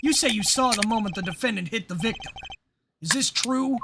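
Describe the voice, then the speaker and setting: A woman's voice: fairly high pitch, fairly quick, heavy background noise, lightly acted. A woman voicing an earnest young male defense attorney, declaiming his courtroom lines. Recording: game music playing behind.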